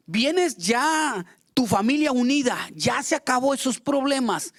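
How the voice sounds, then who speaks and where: A man's voice: very high-pitched, expressive, measured pace, a bit bright. A man preaching a fervent sermon as pastor, acting out quoted prayers and complaints.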